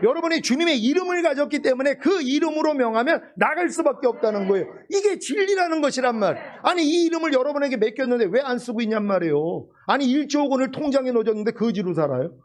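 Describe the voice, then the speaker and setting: A pastor preaching a sermon, emphatic and full of rhetorical questions. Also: male voice, very high-pitched, lively intonation, quick pace, hardly any pauses.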